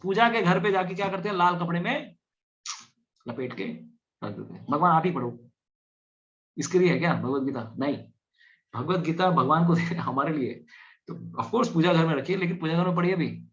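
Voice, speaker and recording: A man's voice: a little high, moderate pace, pauses often. A man preaching a sermon, telling stories and acting out the voices in them. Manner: animated storytelling, acts out voices. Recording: dull lo-fi recording.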